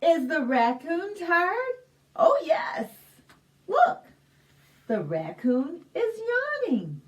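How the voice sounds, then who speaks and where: Reading a picture book to young children at a library storytime, a woman uses an expressive sing-song style and asks her listeners questions. Her voice is very high and she goes very slowly. She was recorded from a distance away from the microphone.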